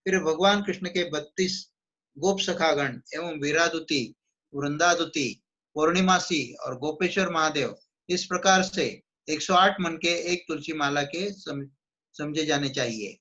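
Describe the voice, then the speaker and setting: A man's voice: on the high side, pushed and bright, lo-fi sound. Man reading devotional text aloud. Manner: reads slowly, then re-explains in his own words with restarts; chants Sanskrit verses in a slow measured recitation. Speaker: devotional book reader and teacher. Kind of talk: devotional book reading with commentary.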